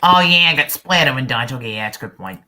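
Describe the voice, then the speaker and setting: A man's voice: mid-range voice, expressive, fast, sharp tone. A man in casual group chat about fan voice roles, eager and stumbling over restarts. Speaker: fan voice actor.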